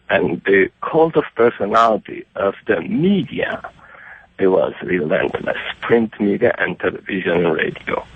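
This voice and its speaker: Middle-aged male caller from Romania, gravelly and husky, earnest with many restarts, over a phone line. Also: fairly low pitch, no room sound. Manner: earnest, halting with repeated restarts. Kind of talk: phone-in radio call. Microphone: telephone.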